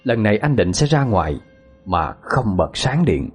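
A man's voice: fairly low pitch, sing-song, normal speed, breathy edge, faint music behind. A man narrating a ghost story in a dramatic, suspenseful way.

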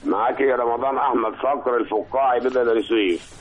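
Rapid man over the phone. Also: mid-range voice. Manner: polite, deferential. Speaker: radio quiz caller. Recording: muffled phone line.

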